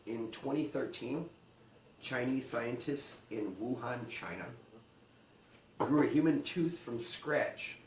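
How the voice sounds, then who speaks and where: A man co-hosting a comedy news segment, delivering crude jokes in a dry deadpan. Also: mid-range voice, roomy sound, recorded from a distance, a little hiss or hum, low-quality recording.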